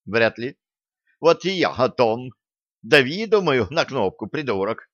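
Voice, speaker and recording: A man's voice: medium pitch, very animated, a little slow, a bit bright, no room sound. A man voicing a sarcastic female ship computer that appears as a ghostly gnome hologram, in a dull lo-fi audiobook recording. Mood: snarky. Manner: hissing, sarcastic.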